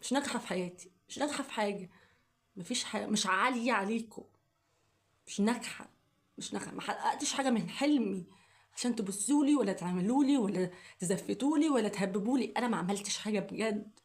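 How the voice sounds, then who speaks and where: Fast-talking upset Egyptian woman. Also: mid-range voice. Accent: Egyptian Arabic. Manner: upset, repeating herself, pleading questions. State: coughing fits, upset. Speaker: vlogger. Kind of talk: emotional personal vlog.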